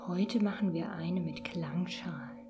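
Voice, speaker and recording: A woman hosting a podcast and gently guiding a children's sleep meditation in a soft, whispery voice. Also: on the low side. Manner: soft slow whispered guidance. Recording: meditation music and singing bowls behind.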